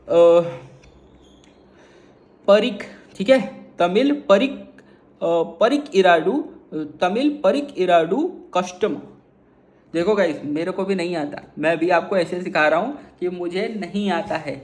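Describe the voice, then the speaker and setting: A man from Lucknow in northern India giving a casual beginner language lesson, repeating phrases slowly and checking in often. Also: high-pitched. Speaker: language learner teaching beginners.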